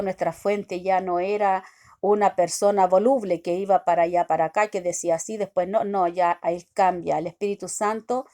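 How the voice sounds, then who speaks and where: A woman giving a devotional sermon, talking haltingly with many restarts and constant questions tagged to her listeners. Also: medium pitch, dark tone. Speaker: preacher.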